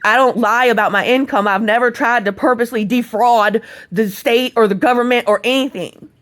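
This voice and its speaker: A woman's voice: on the high side, fairly even intonation, normal speed. Frustrated woman, exasperated caller, blunt and profane. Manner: frustrated, swearing, repeats herself. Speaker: benefits recipient on a phone call. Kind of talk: phone call and angry venting.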